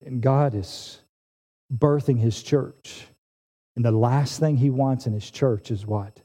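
A man in his forties preaching a sermon, animated and emphatic, often restarting his phrases. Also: mid-range voice, slow pace. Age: 40s. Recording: long hall reverb.

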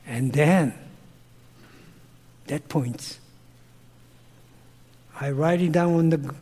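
Heard in a big room, this missionary guest has a husky, fairly high voice and a Korean accent. He tells personal stories in reply to interview questions, using broken English at a slow, earnest pace, and his volume rises when he's animated.

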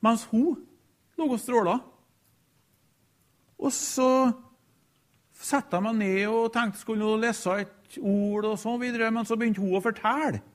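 A man preaching a sermon, retelling a story in a halting way with frequent hesitations and repeated quote tags. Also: high-pitched, steady tone. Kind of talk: sermon with a retold deathbed story.

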